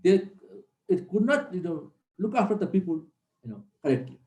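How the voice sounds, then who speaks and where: Warm-toned and high, his voice swings widely in pitch at a normal speed. The speaker, a middle-aged man from Nepal, is a military instructor giving an earnest lecture in class and repeating the key points to stress them. The recording echoes around the room.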